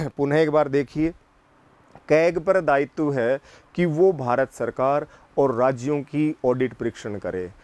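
A man's voice: fairly high pitch, expressive, darkish tone, no room sound. A man teaching political science in a classroom lecture, asking questions and answering them himself and repeating the key points. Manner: slow, deliberate delivery.

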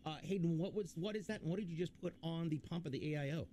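A livestream host builds a PC, joking and chatting casually as he reads viewer questions out loud. His voice sits on the high side with a dark tone and a quick pace, and a little hiss or hum is audible.

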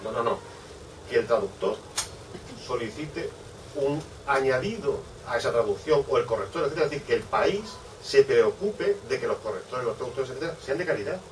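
A man's voice: medium pitch, expressive, fairly quick. A man, a book publisher speaking on a bookshop panel, rambling with many asides and repeated "es decir". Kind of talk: panel discussion. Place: bookshop event space. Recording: distant mic, faint room noise.

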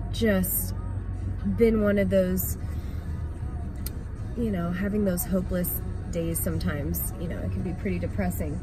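A woman's voice: medium pitch, low-quality recording. A young woman talking casually to the camera from inside a car, rambling with many ums and restarts. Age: young adult. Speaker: angler vlogger. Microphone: phone camera mounted on the dashboard. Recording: car recording with loud music behind.

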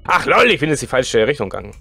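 A man commentating a horror game as a let's play host, excitable and chatty, talking to the game's characters as he plays. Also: mid-range voice, fast, gravelly, husky, dry recording, faint music behind.

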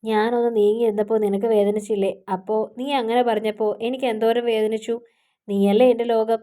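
Audiobook part: a woman reading a gruff yet tender young man, in a fairly high voice. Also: flat delivery, quick pace, mellow, lightly acted. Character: stern but tender young man, lover.

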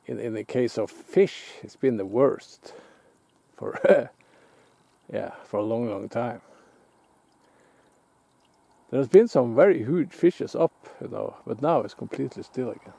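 Off camera by a lake, a Norwegian man fishes alone and talks in accented English for his outdoor vlog, relaxed and musing but halting, often restarting. The voice sits mid-range, creaky and slightly rough, with no room sound. A camera on the shore records his casual self-filmed chat.

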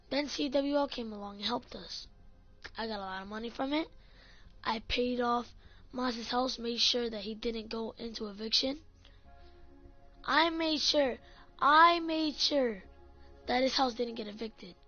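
A woman's voice: on the high side, fairly even intonation, normal speed, a bit bright. A woman ranting in a casual vlog about her gaming clan, swearing often and saying "like" a lot. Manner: ranting, profane, full of "like". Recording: dull lo-fi audio, faint music.

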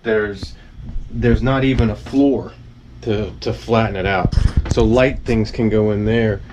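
A sailing vlogger around his forties chats casually and thinks aloud while working aboard a boat and around a marina, holding the camera at arm's length. His low, fairly even voice is a little slow, and the action-camera audio is noisy with an ambient hum.

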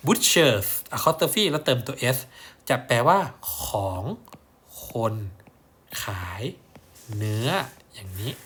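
A man's voice: medium pitch, bright, forceful tone. A man teaching primary-school English in a recorded lesson, repeating words for pupils to copy. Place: at a whiteboard or screen.

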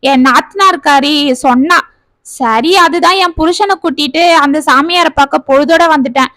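Woman putting on a chatty maid, rambles on, high bright voice. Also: moderate pace, no room sound, studio quality. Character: talkative working-class maid, middle-aged woman.

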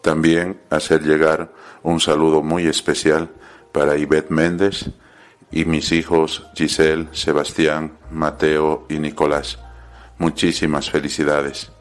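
A man's voice: a bass voice, completely flat delivery, takes it slowly. A man recording a formal holiday greeting to listeners and his family. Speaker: father sending greetings.

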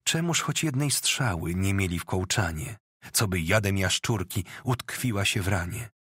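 A man's voice: sits low, animated, normal speed, fairly bright tone, husky, dry recording, clean studio sound. A man reading epic verse aloud as an audiobook narrator, declamatory and rhythmic.

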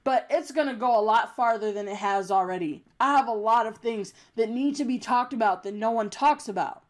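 A young adult woman, a YouTube commentator with a youthful, young-sounding voice, rants brisk and fairly high-pitched. Her unscripted commentary is blunt and emphatic, with frequent swearing.

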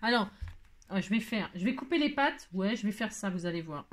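A woman hosting a casual craft tutorial, chatting to viewers in a rambling, hurried, self-mocking way with many asides. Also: medium pitch, expressive.

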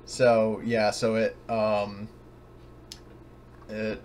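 In a noisy home recording of an online game session, a man runs a tabletop game as game master. His lowish, slightly mellow voice is completely flat and very slow, and he speaks casually and hesitantly, stumbling as he works out the rules.

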